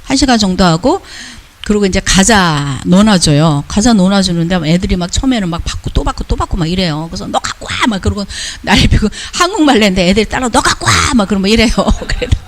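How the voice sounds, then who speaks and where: An older man, a missionary, giving a casual, lively report and mimicking the people he talks about. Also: high voice, fast. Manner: lively storytelling, mimics others' talk. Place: church lecture hall.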